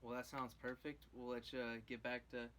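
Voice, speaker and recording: A man's voice: medium pitch, level tone, fairly quick, a bit bright, slight background noise. A man interviewing a fighter, asking in a hesitant, loosely phrased way. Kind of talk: casual interview.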